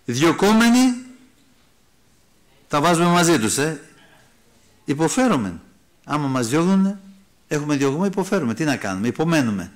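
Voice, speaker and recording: Ένας μεσήλικας άνδρας ιεροκήρυκας που κηρύττει με οικείο, κουβεντιαστό τόνο, εξηγεί τη Γραφή και απευθύνεται στους ακροατές ως «αδερφοί». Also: male voice, fairly high pitch, animated, pauses often. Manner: conversational preaching, addresses listeners as brothers, reads and explains scripture. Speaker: preacher. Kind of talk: sermon. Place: church hall.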